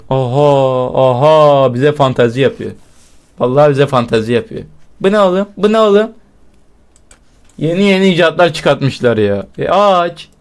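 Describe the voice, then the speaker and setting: A young man with a high voice plays a horror game and narrates every move to himself. He swears freely at the villain and lets out sudden yelps when scared. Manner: profane, shouts in fright, swears at the game. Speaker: gaming YouTuber. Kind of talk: casual let's-play commentary.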